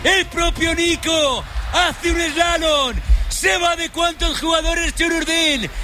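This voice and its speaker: A man from Spain with a Castilian accent shouts breakneck football goal commentary on the radio, with repeated, insistent goal cries. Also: very high voice, steady tone, takes it slowly, a little hiss or hum.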